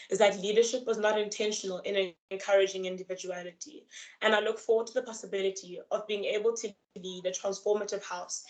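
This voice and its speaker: A young woman who is a student candidate delivering a prepared campaign speech over a video call, earnest, measured and formal. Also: medium pitch, poor audio. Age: young adult.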